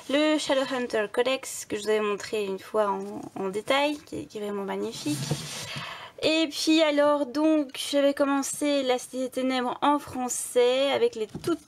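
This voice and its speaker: A woman's voice: on the high side, a little hiss or hum. A young woman giving a casual bookshelf tour, chatty and hesitant with many fillers and restarts. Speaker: book blogger.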